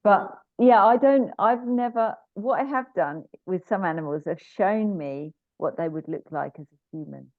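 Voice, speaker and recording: A woman guesting on an interview and talking about her work with animals, chatty and animated, with many fillers and restarts. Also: mid-range voice, normal speed, hardly any pauses, dry recording. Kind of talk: casual interview chat. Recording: dry tinny phone-like line.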